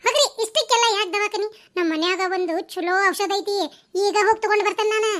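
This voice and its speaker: A woman voicing bickering village women in a cartoon, talking in quick bantering dialect with a North Karnataka Kannada accent. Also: very high-pitched, a bit bright. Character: bickering village women, a landlady and her helpers. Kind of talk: cartoon voice acting.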